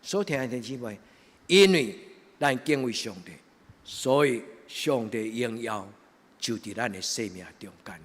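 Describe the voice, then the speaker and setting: A man with a Taiwanese Hokkien accent preaching a church sermon as a pastor, emphatically, swelling from soft to loud. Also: mid-range voice, a little slow. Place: large church hall during a livestreamed service. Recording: reverberant hall, long echo.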